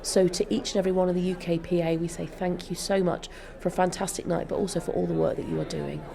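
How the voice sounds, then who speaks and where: Speaking fast and expressively in a lowish voice, a woman brims with enthusiasm and emphasis as she's interviewed. She is a theatre company's joint chief executive, and busy crowd chatter from the event fills the background.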